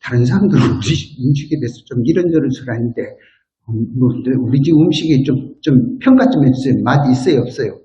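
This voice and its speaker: A man acting out a puzzled restaurant owner who quickly asks for honest feedback. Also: medium pitch, animated, dark tone, close to an everyday voice. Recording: roomy, dull lo-fi church recording.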